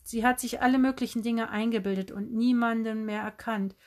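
A hulking circus clown with a tender streak , as a woman narrator voices him. His words come soft and wavering, a big man gone gentle. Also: fairly high pitch, fairly even intonation, brisk, close to an everyday voice. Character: burly male circus clown, gruff but soft-hearted.

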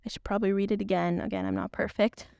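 A young woman chats earnestly on her faith podcast, drifting off topic with little laughs. Her voice has a gravelly fry to it, and she sounds close and dry with no room echo. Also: medium pitch, fairly even intonation, fast talker, a little mellow. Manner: rambling, earnest, laughs often. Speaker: podcast host. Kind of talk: casual faith talk to women.

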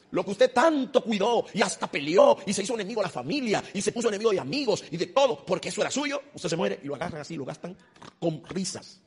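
A male pastor preaching an animated sermon, acting out voices and rising to loud, high exclamations. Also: husky. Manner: acts out voices of God and churchgoers. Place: church. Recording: long hall reverb.

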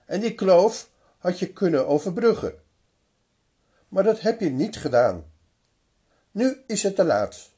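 A man's voice: high-pitched, a little slow, long pauses, slightly rough, pitched above the performer's own voice, exaggerated voice. A man playing old patriarch Abraham, firm and kind. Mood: firm, patient. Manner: hospitable, then calm and firm.

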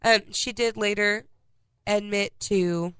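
A woman's voice: medium pitch, fairly even intonation, takes it slowly, fairly bright tone, clear, resonant tone, no echo. A congested woman co-hosting a casual podcast, reading out a timeline of historical dates. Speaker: podcast co-host.

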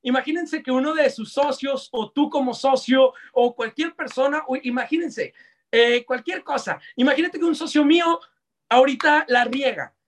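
A young Mexican man with a Mexican accent, giving live online sales coaching in a lively, slangy way that talks straight to his audience. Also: very high-pitched, normal speed. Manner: energetic, slangy, addresses audience directly. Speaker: sales trainer.

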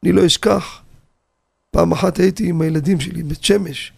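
Animated, gravelly-voiced rabbi on the radio. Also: male voice, high voice. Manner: animated, asks rhetorical questions, tells anecdotes. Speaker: rabbi teaching on a radio show.

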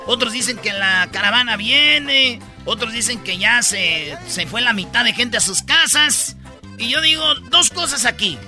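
A man's voice: very high-pitched, animated, a little slow, sharp tone, faint music behind. A man hosting a comedy radio show, telling stories rowdily with slang and sound effects. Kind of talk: joking radio banter.

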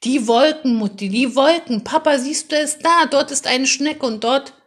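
A woman voicing an excited young boy who talks loudly and gleefully in a high voice. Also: normal speed, slightly rough. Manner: loud, gleeful, high-pitched.

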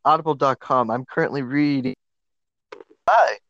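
A podcast co-host with a medium-pitched, slightly bright voice talks at normal speed, cracking crude jokes and doing mock ad reads in casual chat. The lo-fi recording is dry and dull, with no room sound.

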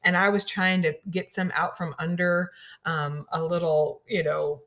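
A middle-aged woman from Southeast Missouri tells a personal story in an easy, rambling way. Her voice sits a little low, and she fills pauses with ums and you-knows. Now and then a laugh slips into her words. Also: level tone, fairly bright tone. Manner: chatty, frequent ums and you-knows, laughs through lines. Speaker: radio show regular sharing stories.

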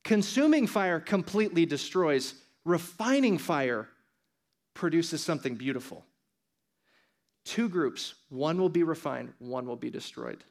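A man preaching a sermon with urgent, impassioned exhortation, swinging between raised and softened delivery. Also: a little high, animated, moderate pace, creaky. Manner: impassioned, urgent exhortation rising and falling in force.

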